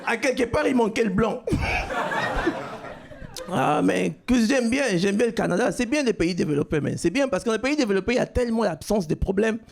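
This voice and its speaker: A man from Cuba doing a stand-up comedy set on a club stage, with a loud, punchy delivery that shouts out the punchlines. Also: high voice, animated, a little fast, vocal fry. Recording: live club recording with crowd. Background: audience laughter.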